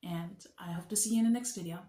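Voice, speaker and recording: A young woman sharing a personal faith testimony on her vlog, speaking in an earnest, unhurried, reflective way. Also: lowish voice, dark tone. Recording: echoey room.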